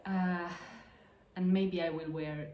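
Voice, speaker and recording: A native Italian speaker hosts a casual crafts podcast from home, showing her projects in halting, accented English full of fillers, restarts and self-corrections. Her voice is lowish and steady, and the audio sounds dull and echoey.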